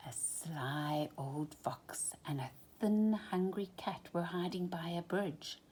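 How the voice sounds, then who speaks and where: Reading aloud from a children's storybook, this woman uses a lowish voice with a breathy edge. She tells the tale expressively and deliberately, dramatically alternating between full-voiced lines and softer, hushed ones.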